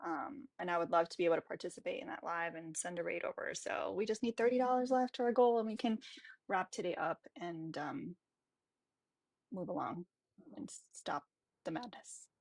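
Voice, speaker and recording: A woman's voice: lowish voice, lively intonation, moderate pace, no echo. A woman hosting a live stream, chatty and full of ums as she talks to viewers and guests. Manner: chatty, filler-heavy. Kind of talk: casual live stream chat.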